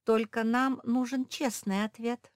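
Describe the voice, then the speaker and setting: A woman's voice: on the high side, fairly even intonation, measured pace, no room sound, clean studio sound, voice pushed up, natural voice. A woman doing a clever, patient pug girl. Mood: gently probing. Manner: patient, explaining. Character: thoughtful, clever female pug.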